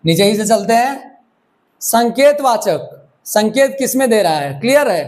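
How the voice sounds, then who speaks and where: A man's voice: high-pitched, animated, measured pace, a little mellow. A man teaching a grammar lesson for exam preparation, talking to students in a loose, conversational way and often checking that they are following. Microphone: microphone.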